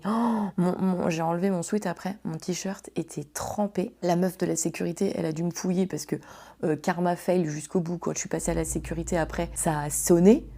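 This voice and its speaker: A woman hosting a casual storytelling podcast, slangy, swearing and animated as she talks to her listeners. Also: fairly low pitch. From France. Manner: slangy and swearing, addresses listeners as "les gars". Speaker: podcast host.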